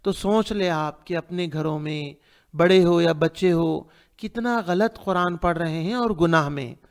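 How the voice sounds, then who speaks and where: A man teaching Quran pronunciation, reciting verses in long drawn-out phrases and sternly correcting mistakes. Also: fairly high pitch. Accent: Hyderabadi Urdu. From India. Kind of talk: tajweed lesson, reciting and correcting.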